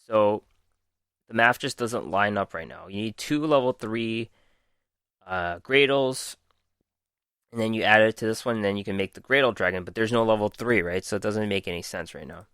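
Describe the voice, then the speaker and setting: Low-voiced man losing his voice. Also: normal speed, a bit bright, clear, resonant tone, no room sound, clean studio sound. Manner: methodical, reads out card text with frequent ums. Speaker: podcast host. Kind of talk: casual card game review.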